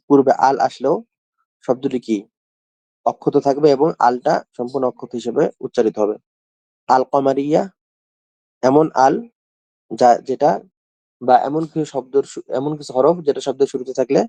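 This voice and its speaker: A man's voice: medium pitch, mellow, no room sound. A man teaching an Arabic class. He repeats key phrases and asks the class questions. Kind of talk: classroom lesson.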